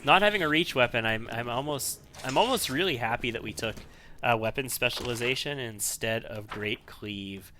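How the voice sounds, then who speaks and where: Male let's player, bright mid-pitched voice, casual and analytical, faint noise behind. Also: normal speed. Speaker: video game let's player. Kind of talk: casual gameplay commentary.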